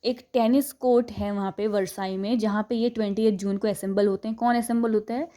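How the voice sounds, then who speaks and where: A young woman teaching a history class, reading English lines slowly and then explaining them in a Hindi-English mix, often checking in and correcting herself. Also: mid-range voice, fairly even intonation, mellow. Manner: self-correcting, stops to fix pronunciation.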